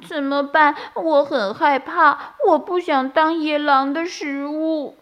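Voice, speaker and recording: The youngest little rabbit is timid and caring, and it speaks in a small, high voice, as a woman storyteller puts it on. It sounds fearful. It belongs to a children's bedtime storybook. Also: steady tone, takes it slowly, fairly bright tone. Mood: scared.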